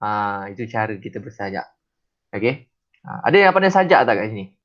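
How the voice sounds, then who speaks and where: A male teacher with a Malaysian Malay accent, giving a chatty classroom lesson and reciting sample verse lines slowly. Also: on the low side, big pitch swings, muffled recording.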